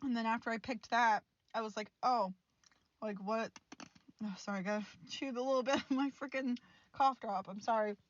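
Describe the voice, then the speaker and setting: A woman's voice: on the high side, fast talker, dry recording, highs cut off. Rambling, frank young woman vlogger. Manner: rambling, frank, mildly exasperated, laughs often. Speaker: art student vlogger. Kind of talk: casual chatty voice-over vlog.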